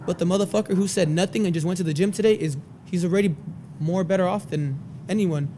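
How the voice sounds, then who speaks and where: Young adult man, rapid-fire speech, fairly high pitch, emphatic bro talk, sweary, casual podcast guest. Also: dark tone, a little hiss or hum.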